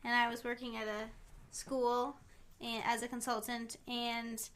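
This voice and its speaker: A woman's voice: fairly high pitch, monotone, unhurried, a bit bright. A woman co-hosting a podcast, a behavior analyst chatting casually and joking at her own expense. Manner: joking, self-deprecating. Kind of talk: casual chat.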